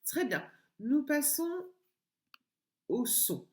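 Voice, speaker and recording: Slow, lilting teacher voice for small kids; a woman, home lesson, echoey room. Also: high voice, big pitch swings. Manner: slow, sing-song, stretching out sounds for small children. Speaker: kindergarten teacher. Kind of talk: home-schooling lesson video for young children.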